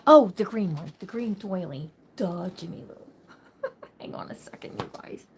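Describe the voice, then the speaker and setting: A woman's voice: lowish voice, animated, measured pace, slight background noise. A woman hosting a casual craft livestream. She chats with viewers by name and thinks aloud while she works. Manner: says she talks loud.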